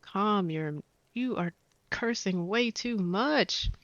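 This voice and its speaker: A woman's voice: medium pitch, lively intonation, takes it slowly, fairly bright tone, lo-fi sound. A woman giving casual playthrough commentary, reading dialogue choices aloud and reacting in disbelief. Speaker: gaming streamer.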